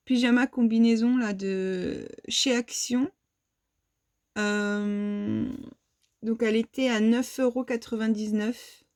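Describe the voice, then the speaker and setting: A woman from France presenting her shopping haul in a casual, hesitant way, with many fillers and restarts. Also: fairly high pitch. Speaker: vlogger showing a shopping haul. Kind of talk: casual show-and-tell haul.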